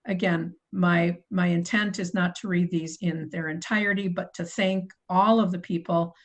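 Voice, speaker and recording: Over a video call with poor audio, a middle-aged woman chairs a city committee meeting, reading out agenda items procedurally. Her voice is lowish and fairly even at normal speed, and she sounds apologetic, correcting herself as she goes.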